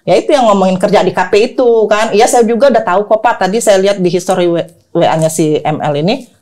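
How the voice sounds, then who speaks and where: A middle-aged woman telling her story in an interview, animated, acting out quoted dialogue. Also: mid-range voice, fast talker. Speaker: guest, wife of the accused.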